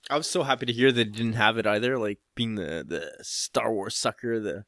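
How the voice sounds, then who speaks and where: Lowish-voiced man in casual, dry-sounding chat. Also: normal speed, fairly bright tone, no echo. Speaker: podcast co-host.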